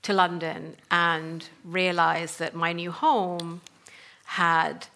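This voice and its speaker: Brief: woman from Sudan, author guest, lower pitch, gravelly edge, reflective delivery. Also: little pitch movement, extremely slow, pushed and bright. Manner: thoughtful, frequent um fillers. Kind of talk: conversational talk.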